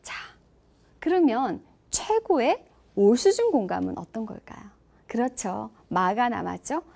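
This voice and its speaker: Middle-aged woman teaching an online class, lively pitch that rides up and down, fairly high voice. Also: unhurried, creaky. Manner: engaging, asks audience questions. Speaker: lecturer. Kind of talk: online lecture on empathy.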